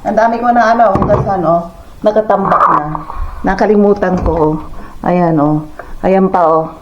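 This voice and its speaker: A woman's voice: medium pitch, moderate pace. A woman from Pangasinan with a Pangasinan accent, chatting casually as a vlogger while she makes coffee and does chores at home. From Philippines, Pangasinan. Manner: chatty and rambling, narrating chores as she goes. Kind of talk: casual vlog narration. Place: home kitchen, indoors. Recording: roomy, dull lo-fi with faint noise.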